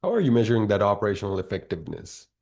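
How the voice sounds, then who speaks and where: A man interviewing a guest, putting structured questions in a measured way. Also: fairly low pitch, very animated, vocal fry, a little mellow.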